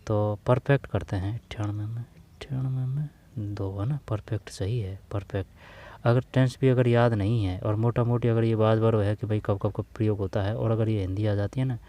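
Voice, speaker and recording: A man teaching an exam-prep grammar lesson, reading English sentences out slowly and repeating them word by word. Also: lowish voice, mellow.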